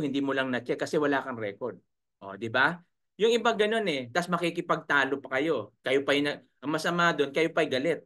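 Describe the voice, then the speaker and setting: A man's voice: a little high, fairly bright tone. A man coaching online sellers in a live webinar, in a chiding manner, full of rhetorical questions. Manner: chiding, rhetorical, keeps asking "right?". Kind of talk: live webinar talk, reading viewer comments.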